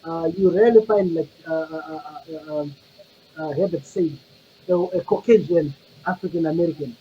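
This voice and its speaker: High-voiced man, dull lo-fi sound. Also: a little hiss or hum. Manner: reflective, halting. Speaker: panelist. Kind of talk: casual panel discussion.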